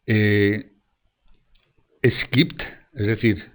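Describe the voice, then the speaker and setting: A man's voice: lowish voice, level tone, very slow. A man teaching German grammar in Spanish, explaining step by step and checking in often with the class. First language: French.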